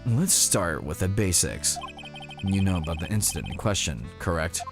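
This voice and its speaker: A man's voice: low-pitched, very animated, moderate pace, over music, voice pushed down. A man doing an earnest young lawyer. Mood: firm. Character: nervous young male defense lawyer.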